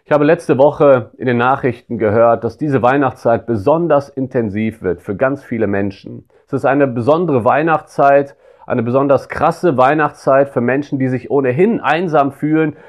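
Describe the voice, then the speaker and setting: A man's voice: medium pitch, normal speed. Earnest German-speaking male preacher. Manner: earnest and pastoral, grows quiet and intimate; addresses listeners directly. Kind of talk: devotional sermon.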